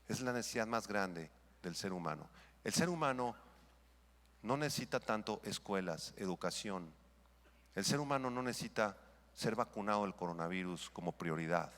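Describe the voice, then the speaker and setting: A man's voice: lowish voice, sharp tone, long reverb tail. A man, a pastor with a Mexican Spanish accent, preaching a sermon and speaking directly to the congregation, with rising emphatic passages. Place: church sanctuary.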